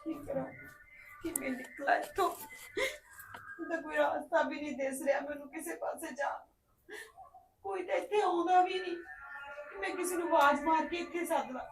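A woman's voice: sits high, moderate pace, pauses often, roomy sound, distant mic, soft background music, rough recording. An actress playing a hungry young woman held captive, pleading and crying in a Punjabi drama. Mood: despairing. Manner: pleading, tearful.

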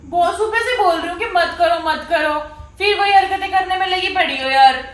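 A woman's voice: very high-pitched, normal speed. A woman vlogger talking casually, in a reproachful and insistent way. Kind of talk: casual chat. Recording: echoey room.

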